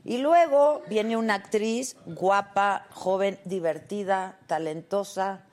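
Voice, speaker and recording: A woman's voice: medium pitch, takes it slowly, darkish tone. A middle-aged woman with a Mexican accent, chatty and playful, hosting a live talk show. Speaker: host.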